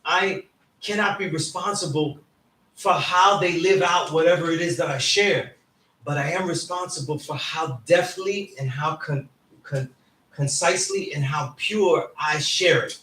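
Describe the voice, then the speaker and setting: Fairly high-pitched, bright and forceful, an unhurried male teacher lectures informally and emphatically to his class, repeatedly checking in with "right?" The indoor classroom sounds echoey, captured by a distant mic with background noise.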